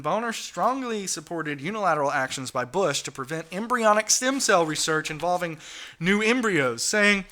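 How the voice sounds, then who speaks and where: A man with a high, very bright and cutting voice runs a political talk show. He reads news items aloud, then breaks off into sarcastic, indignant rants laced with swearing. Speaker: podcast host. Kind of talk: ranting political commentary.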